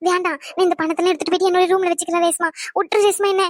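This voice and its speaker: A woman's voice: very high voice, level tone, rapid-fire, no room sound, studio quality. A woman voicing a panicky, pleading old grandmother in a cartoon who keeps begging to be left alone. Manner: pleading, whining. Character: frantic old grandmother hiding a pile of cash.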